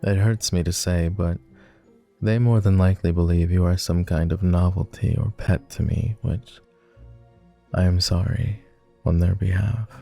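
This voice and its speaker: Faint music sits behind a man voicing a clingy vampire-lord lover for intimate roleplay ASMR, his tone deep, heavy, very dark and mellow with gravelly fry. His intonation stays fairly even as he speaks slowly, formally and hesitantly in old-fashioned language, tender, melancholy and brooding.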